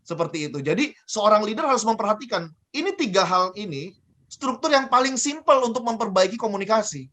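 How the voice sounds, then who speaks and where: A man giving a lively coaching talk on communication, asking and answering his own questions and repeating key phrases. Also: sits high, brisk. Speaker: guest speaker on communication.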